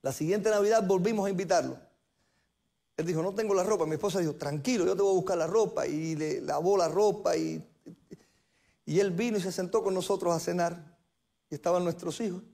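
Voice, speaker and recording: A middle-aged male pastor preaching a sermon in a church, earnest, repeating phrases and slowing down to stress his points. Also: high voice, creaky, mellow. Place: church sanctuary.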